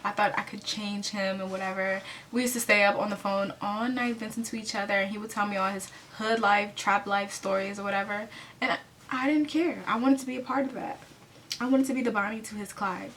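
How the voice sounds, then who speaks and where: A woman's voice: mid-range voice, steady tone, fairly quick, fairly bright tone, a little hiss or hum. Chatty young woman rambling a story. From United States. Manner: chatty, rambling, with many fillers and self-corrections. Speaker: vlogger telling a storytime. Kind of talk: casual storytelling.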